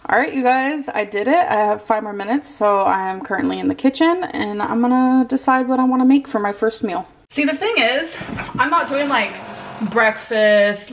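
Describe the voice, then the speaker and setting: A woman's voice: medium pitch, a bit bright. A young adult woman chatting casually to her viewers as she vlogs indoors at home. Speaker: vlogger. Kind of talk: casual vlog chat. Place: indoors at home, kitchen and rooms.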